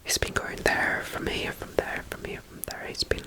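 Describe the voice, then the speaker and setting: A caretaker-style ASMR roleplayer whispers in a soft, soothing way, repeating gentle phrases as she reads a bedtime story aloud. The pace is normal.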